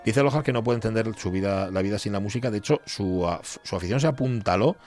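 A radio host from Asturias, Spain, reads out listener messages in a chatty, joking manner with an Asturian Spanish accent. His voice is fairly low-pitched, fast and somewhat dark, recorded in a studio over a music bed.

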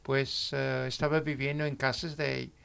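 A man in his sixties, an English native with an accent in Spanish, chatting as a radio guest in a halting way, often checking with "¿bien?". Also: mid-range voice, level tone, vocal fry, fairly bright tone, clean tone. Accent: English speaker in Spanish. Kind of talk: casual radio chat.

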